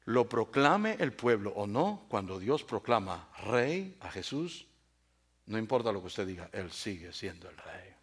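This male pastor's voice sits on the low side, with a breathy edge, very animated yet unhurried. His sermon swings dramatically, asking rhetorical questions and speaking directly to listeners by name.

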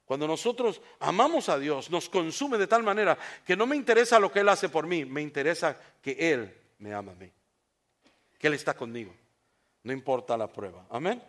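Guy preaching a sermon, kinda high voice, animated, gets really emphatic. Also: moderate pace. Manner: animated, storytelling, rising to emphatic peaks. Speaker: pastor.

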